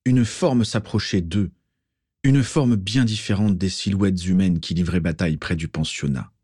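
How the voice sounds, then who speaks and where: A man narrating a story as an audiobook, steady and expressive. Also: low-pitched, normal speed, breathy edge, no echo, studio quality.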